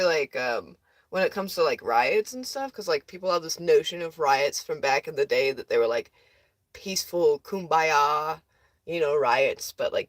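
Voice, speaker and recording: A woman's voice: on the low side, a bit bright, no echo. A young woman chatting casually with viewers on a livestream, tired and rambling, with a close phone mic.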